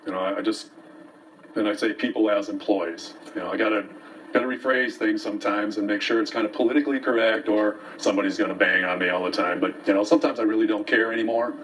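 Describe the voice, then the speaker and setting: A man's voice: on the low side, steady tone, fast talker, fairly bright tone. A man hosting a local commentary show, giving an opinionated, folksy, aggrieved monologue to viewers, sometimes reading from papers. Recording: distant mic, faint background noise.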